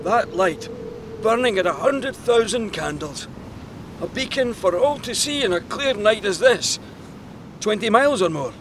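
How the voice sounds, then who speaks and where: An actor plays a weary lighthouse keeper in an audio drama, blunt and dry-humored. His voice pitches very high for a man, and a rumbling outdoor wind sound runs behind him. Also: expressive, unhurried.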